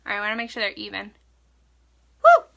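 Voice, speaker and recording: With a medium-pitched, gravelly, somewhat bright voice, a young makeup vlogger talks fast and swings her pitch wildly. She's casual and chatty at home during her tutorial, cracking jokes and filling her speech with "like."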